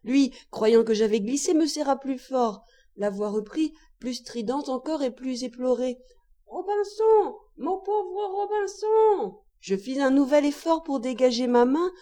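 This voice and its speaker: A woman narrating a classic novel as an audiobook, expressive and lively, jumping high for the characters' cries. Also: moderate pace. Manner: expressive, raises pitch sharply for quoted cries. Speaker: audiobook reader.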